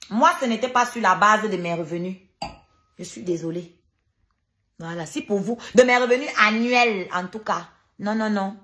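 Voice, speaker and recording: With a bright, forceful, mid-range voice, a woman streamer goes on a heated livestream rant. She's combative and sarcastic, and she drives her points in by repeating them emphatically.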